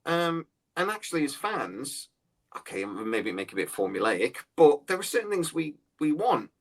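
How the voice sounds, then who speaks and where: A man in his forties co-hosts a podcast, chatting in a blunt, scornful, opinionated way and often restarting his sentences. His voice is fairly high and sing-song, with a breathy edge and a moderate pace.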